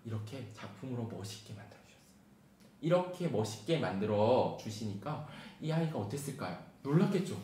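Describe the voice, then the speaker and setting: Guy doing a teacher training talk, talks fast, voice swings up and down a lot, kinda echoey room. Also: mid-range voice. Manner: talks quickly, reads a picture book aloud with lively emphasis. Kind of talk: online teacher-training lecture. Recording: roomy sound with faint background hiss.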